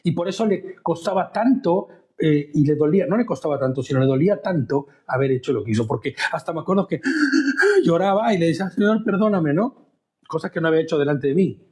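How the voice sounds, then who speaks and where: A man's voice: fairly high pitch, big pitch swings, brisk, darkish tone. A man teaching a conversational Bible study, often turning to his listeners with questions. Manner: chatty, asks listeners questions.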